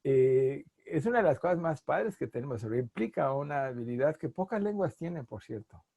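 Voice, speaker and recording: A middle-aged man with a Mexican accent, a linguist being interviewed, talking in a playful, animated way. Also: mid-range voice, normal speed, creaky, husky, dry recording, clean studio sound. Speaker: linguist guest. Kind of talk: conversational interview.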